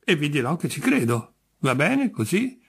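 A man's voice: on the high side, sing-song, normal speed, creaky, husky, full character voice. A man doing a patient, bemused judge. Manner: patient, mildly coaxing. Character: patient, bemused middle-aged male judge.

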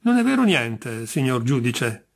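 A man's voice: medium pitch, very animated, a little slow, gravelly, exaggerated voice. Jinx figure, indignant and emphatic, read by a man. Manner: indignant, insistent, sharply emphatic. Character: grim, touchy middle-aged man branded a jinx.

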